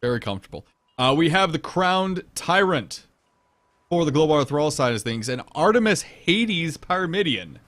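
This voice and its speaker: A man commentating a competitive video game match, his voice sitting a touch above the usual male range. He breaks down positioning and tactics in an analytical way. When a ship takes heavy damage, his delivery suddenly turns excited. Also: fairly high pitch, moderate pace. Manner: analytical, explains tactics, bursts of excitement at big plays. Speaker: esports commentator.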